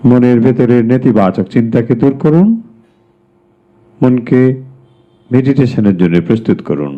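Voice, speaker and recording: Male meditation guide, slightly low voice, slow measured delivery with pauses, muffled lo-fi recording. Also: expressive. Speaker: meditation teacher, spiritual guide. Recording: dull, lo-fi sound.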